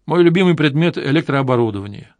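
A man's voice: a little high, expressive, fast talker, dry recording, lightly acted. A man reading an audiobook, voicing a sweet, eager young woman student with a wide-eyed manner.

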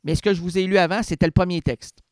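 A man's voice: sits high, steady tone, fast, darkish tone, clear, resonant tone, dry recording, clean studio sound. A man hosting a radio show, reading poetry and rambling with jokes and word play. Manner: rambling, self-interrupting, jokey with sudden singing and word play. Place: radio studio.

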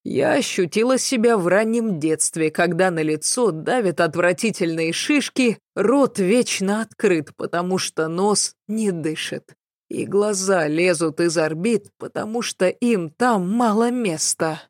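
Slow, dry-voiced woman narrating. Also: fairly low pitch, no room sound. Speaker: audiobook narrator. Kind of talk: first-person scripted narration.

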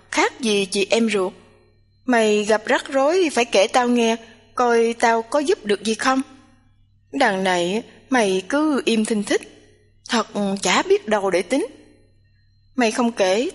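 A bossy, chattering young woman who teases and nags her roommate in a storybook reading, as a woman narrator puts her on. Her voice sits a little high. A long hall reverb trails each line.

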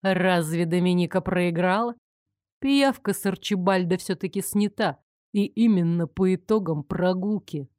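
A woman's voice: medium pitch, measured pace, hardly any pauses, mellow, no echo, studio quality, close to an everyday voice. A woman reading the part of a firm, slyly mocking young man in an audiobook.

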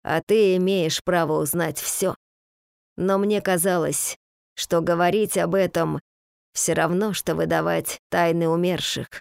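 A woman voicing a weary, slow-spoken husband. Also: lowish voice, fairly even intonation, creaky, a little mellow, clean tone, dry recording, clean studio sound. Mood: subdued. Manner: slow, subdued, halting.

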